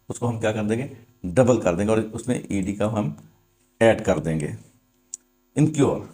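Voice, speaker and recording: Male grammar teacher, mellow tone, slow deliberate rule reading, step-by-step explaining, faint electrical hum behind. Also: medium pitch. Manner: explains step by step, repeats points and asks himself questions; reads English rules slowly, then explains them in Urdu. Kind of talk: classroom-style grammar lesson.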